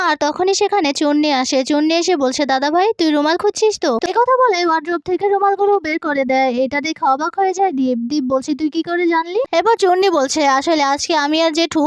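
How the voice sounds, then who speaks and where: A woman narrating a serial plot recap, retelling each character's lines in a single steady narrating voice. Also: high-pitched, dry recording, studio quality.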